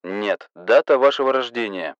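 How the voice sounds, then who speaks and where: A man's voice: medium pitch, animated, normal speed, no echo, highs cut off, lightly acted. A man voicing a young police duty sergeant answering calls, patient but curt and formal.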